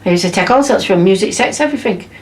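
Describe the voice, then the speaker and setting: A woman's voice: mid-range voice, expressive, fast talker, a little hiss or hum. A woman in her fifties from England, telling her story bluntly and emphatically in a documentary interview. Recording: distant mic with faint background ambience.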